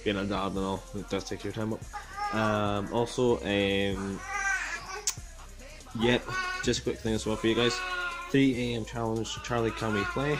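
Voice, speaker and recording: A man gives a casual, halting, repetitive vlog update into a phone at arm's length in a room at home. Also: lowish voice, fairly even intonation, music in the background. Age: 20s. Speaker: vlogger.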